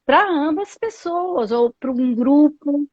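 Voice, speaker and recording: A woman's voice: sits high, expressive, slow pace, darkish tone, a little hiss or hum. A woman psychologist with a Brazilian Portuguese accent, talking thoughtfully on a live video call with many fillers and tag questions. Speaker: psychologist guest. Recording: dull lo-fi video call audio.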